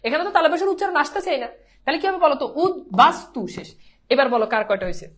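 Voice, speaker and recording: A woman's voice: high voice, lively intonation, very fast, a bit bright. A woman teacher gives a pronunciation lesson. She drills each word by repeating it and keeps quizzing her students.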